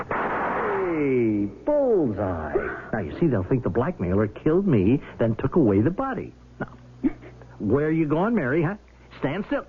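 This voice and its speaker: In the style of a 1970s radio drama, a male actor with a mid-range voice plays a scheming, bitter husband turned blackmailer, sounding sardonic and falsely easygoing. The audio is a narrowband, noisy old radio broadcast.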